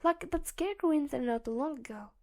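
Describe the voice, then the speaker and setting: A woman's voice: sits high, fast talker, voice pushed up. A woman voicing a playful, friendly young male hero in a fan audiobook reading, with an upbeat, teasing delivery.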